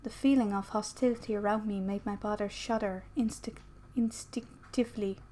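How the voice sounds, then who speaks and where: A Dutch-native woman reading a visual novel aloud, chatty and quick to add her own comments. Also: mid-range voice, fairly even intonation, warm tone, slight background noise. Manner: chatty, laughs and comments between lines. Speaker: let's player.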